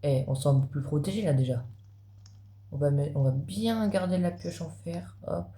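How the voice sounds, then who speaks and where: A gaming video creator gives casual gameplay commentary, talking straight to his viewers in a warm, slightly high voice at a moderate pace. The audio has a roomy echo and faint background noise.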